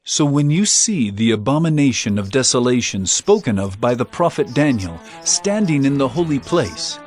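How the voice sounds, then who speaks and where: An actor playing Jesus as a stern, solemn prophet in a dramatized scripture reading. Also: male voice, mid-range voice, sing-song, normal speed, natural voice. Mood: solemn warning. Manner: declamatory, solemn, emphatic. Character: Jesus, male prophet, stern, grieving, authoritative teacher. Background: music.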